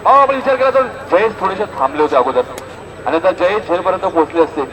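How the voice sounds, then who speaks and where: A high, animated male voice moves fast, calling live cricket with a Maharashtrian accent at an outdoor local tournament. He is emphatic, repeats the score as he describes the play, and makes announcements. The recording is noisy and outdoors, with a loud crowd.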